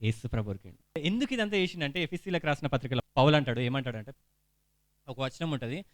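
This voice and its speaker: A young man preaching a sermon, animated and rhetorical, asking questions and reading scripture aloud. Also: medium pitch, fast talker, no room sound, studio quality.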